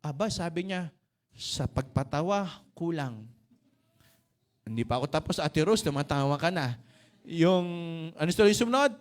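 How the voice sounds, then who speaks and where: A man's voice: a little high, expressive, moderate pace, long pauses. A man preaching a sermon in a church, telling a comic story and teasing members of the congregation by name. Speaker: pastor. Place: church sanctuary.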